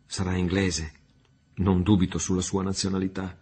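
A man's voice: low voice, level tone, moderate pace, a little mellow, husky. A man voicing a bold, fierce pirate captain who speaks in a commanding, urgent way. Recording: faint music underneath.

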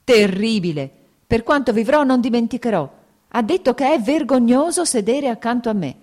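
A woman's voice: mid-range voice, expressive, moderate pace, mellow, pitched above the performer's own voice, lightly acted. A woman reading the part of an anguished, jealous young noblewoman, with tearful, pleading outbursts. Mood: despairing.

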